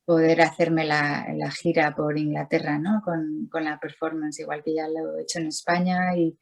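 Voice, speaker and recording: Over a video call, a middle-aged Spanish-speaking artist being interviewed talks casually and rambles, restarting often and using many fillers. Her voice sits low and sounds gravelly, with a level tone and normal speed.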